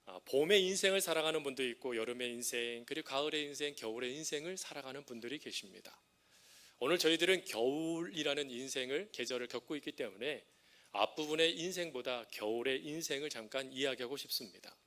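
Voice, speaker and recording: Middle-aged male pastor from Chungcheong, bright, forward tone, preaches with jokes and questions to the pews. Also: medium pitch, fairly quick. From Chungcheong region, South Korea. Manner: humorous storytelling, asks the congregation questions. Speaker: senior pastor. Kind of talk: sermon.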